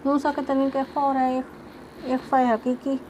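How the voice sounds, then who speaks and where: High-voiced woman teaching Quran recitation. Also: level tone, darkish tone, a little hiss or hum. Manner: explains rules line by line, then recites verses slowly and melodiously. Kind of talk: tajweed lesson with recitation.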